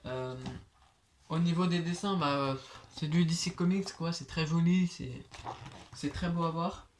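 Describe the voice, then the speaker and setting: A young man with a slushy lisp, his s sounds slurring toward sh, presenting casually and haltingly like a home vlogger. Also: fairly high pitch, slight background noise. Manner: halting, hesitant, filler-heavy. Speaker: host of a comic book collection video series.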